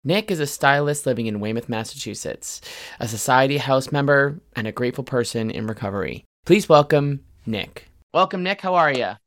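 A man's voice: medium pitch, expressive, normal speed, fairly bright tone, no echo, clean studio sound. A man hosting a podcast, reading a scripted intro and then interviewing a guest in an upbeat, encouraging way. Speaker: podcast host.

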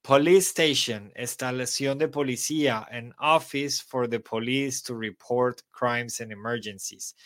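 A man leads a live-streamed English lesson. His voice sits at an ordinary middle pitch, and he explains words patiently, often pausing to correct himself. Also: fairly even intonation, a bit bright. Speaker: English teacher. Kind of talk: live-streamed online class.

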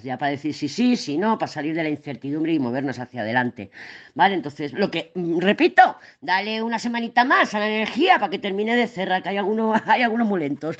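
A woman's voice: on the low side, highs cut off. A woman with a Spain Spanish accent giving a casual tarot reading, chatty and rambling, swearing freely as she talks. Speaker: tarot and astrology reader.

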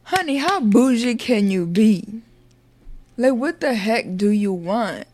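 A woman's voice: on the high side, expressive, slow pace, a little mellow, dry recording. Woman, co-host; sassy, blunt, casual chat.

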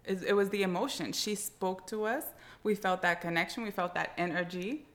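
A woman's voice: mid-range voice, normal speed. A woman co-hosting a podcast in casual chat, earnest and motivational, laughing readily. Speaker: podcast co-host.

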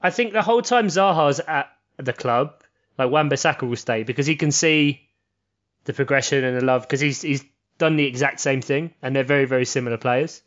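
A man's voice: medium pitch, brisk, a bit bright, muffled recording. A tired man, co-hosting a podcast in casual, sweary, rambling chat. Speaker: podcast co-host.

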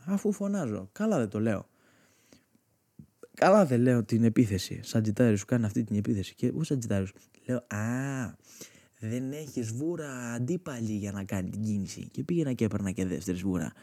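A man in his twenties with a slangy, animated delivery who swears freely, doing a comic nostalgic monologue. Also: medium pitch, slightly rough. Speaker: comedian host.

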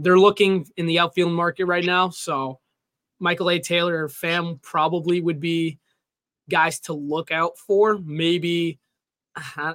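A man's voice: fairly high pitch, sharp tone, no echo. A man co-hosting a casual sports podcast, talking loosely with many fillers and light jokes. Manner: loose, filler-heavy, jokey. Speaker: podcast co-host.

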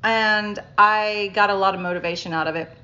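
A woman's voice: medium pitch, fairly even intonation, normal speed, sharp tone, dull audio. A middle-aged woman co-hosting a podcast in casual chat, laughing often, recorded on a phone. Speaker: podcast co-host.

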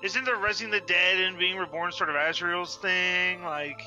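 A man's voice: high voice, fairly even intonation, moderate pace, dull audio, over music. A man playing a tabletop role-playing game, bantering casually and describing what his character does.

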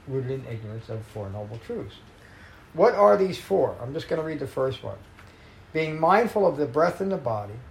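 A man teaching meditation in a measured, emphatic way, reading a Buddhist text and explaining it to a group. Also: mid-range voice, darkish tone, roomy sound, a little hiss or hum, rough recording. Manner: measured, emphatic teaching with slowed key phrases. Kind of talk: dharma talk reading a sutta.

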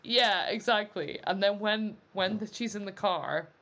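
Woman, podcast co-host, casual film chat, rambling, fillers and restarts, mid-pitched. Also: a little slow, fairly bright tone. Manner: rambling, full of fillers and restarts, laughs often.

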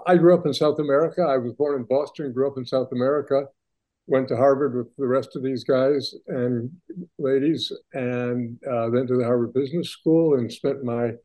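A man's voice: mid-range voice, dull audio. A man in his eighties introducing himself on a video call, hesitant with fillers. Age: 80s. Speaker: panel guest.

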